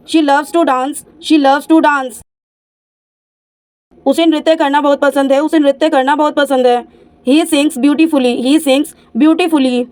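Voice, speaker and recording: High-voiced woman reading drills. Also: a little mellow, no room sound. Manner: says each sentence twice, English slowly, Hindi quickly. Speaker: English teacher.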